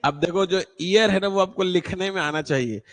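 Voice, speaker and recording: A man's voice: high voice, moderate pace, a bit bright. A man teaching an online class, patiently quizzing students and checking whether anyone is struggling. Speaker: exam-prep English teacher.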